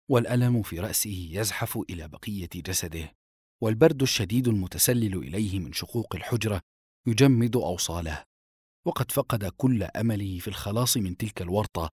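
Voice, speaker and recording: Guy reading a novel aloud, deep and husky, really animated delivery. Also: dry recording, studio quality. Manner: expressive storytelling. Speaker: audiobook narrator. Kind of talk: scripted narration.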